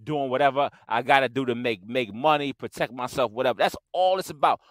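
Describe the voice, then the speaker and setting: A man co-hosting a casual podcast, talking in an animated way and often repeating "like" and "hey". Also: mid-range voice, a little fast, dry recording, poor audio. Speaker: podcast co-host. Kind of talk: casual group chat.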